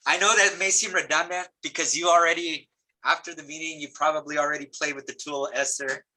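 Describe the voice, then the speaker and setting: A man's voice: on the high side, steady tone, brisk, sharp tone, slight background noise, low-quality recording. A man leading a meeting on a video call, talking informally and rambling a bit with restarts. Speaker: meeting facilitator. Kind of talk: casual meeting talk.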